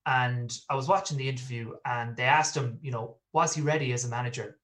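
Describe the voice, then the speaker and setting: Irish guy from out west, galway sort of accent, mid pitched voice, chatting away on a podcast as a guest. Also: steady tone, a little fast, a bit bright. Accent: west of Ireland. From Galway, west of Ireland. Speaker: podcast guest, football fan. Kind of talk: casual interview chat, telling personal stories.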